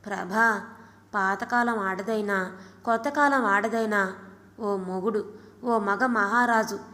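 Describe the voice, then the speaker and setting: A woman voicing a calm, resigned wife. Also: mid-range voice. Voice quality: measured, reflective. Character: calm, resigned middle-aged wife, reasoning. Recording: long reverb.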